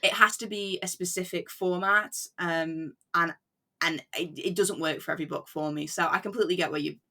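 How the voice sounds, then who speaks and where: Creaky-voiced woman chatting about books. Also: fairly low pitch, a little fast. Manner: chatty and animated, laughs often. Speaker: podcast guest. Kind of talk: casual book chat.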